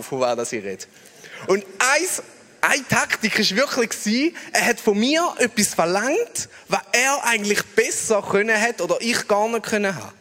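A Swiss German-accented male preacher tells his story in a chatty, animated style, his voice sitting high and moving lively up and down. A long reverb trails his words through the hall. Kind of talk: storytelling sermon.

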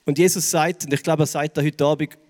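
A Swiss German man preaches to a young crowd in a fairly high voice, earnest and a little halting. He drops soft and slow whenever he leans on a key phrase. A long reverb trails his words through a big hall. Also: steady tone. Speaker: youth preacher. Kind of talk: personal testimony sermon to young people.

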